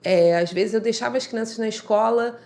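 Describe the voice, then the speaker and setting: A woman's voice: fairly high pitch, moderate pace, a little mellow. A woman guest telling her story in a heartfelt, reflective way, often acting out remembered lines of dialogue. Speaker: podcast guest.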